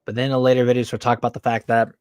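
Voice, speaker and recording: A man's voice: medium pitch, monotone, very fast, clean tone, no echo. A man hosting a casual streamed podcast, rambling and talking in fillers and restarts. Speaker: podcast host.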